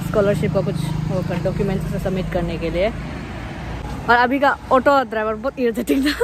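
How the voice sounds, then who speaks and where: A young woman talks casually to a phone held at arm's length, chatty and quick to laugh. Her voice sits at an ordinary pitch. Traffic and street noise come through clearly behind her. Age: young adult. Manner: chatty, laughs often, talks to camera on the move. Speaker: vlogger, college student. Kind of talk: casual vlog narration. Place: outdoors on busy city streets, auto-rickshaw and metro station. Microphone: phone camera at arm's length, no external mic. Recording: noisy street phone recording.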